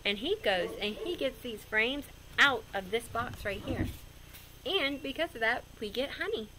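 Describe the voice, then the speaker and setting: A woman reads a children's picture book aloud in an expressive storyteller's style, her fairly high voice very animated and unhurried. She explains things simply along the way, and the recording carries some light noise.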